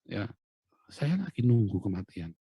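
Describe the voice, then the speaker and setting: A middle-aged man preaching a chatty, informal sermon, swinging between loud storytelling and quiet, urgent encouragement. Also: on the low side, big pitch swings, measured pace, creaky, husky, no room sound, highs cut off.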